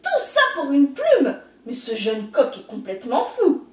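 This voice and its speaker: A woman's voice: high-pitched, lively intonation, moderate pace, a little mellow, echoey room, distant mic. A woman doing a fretful, squealing desert snake. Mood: shocked. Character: timid, kind male desert snake.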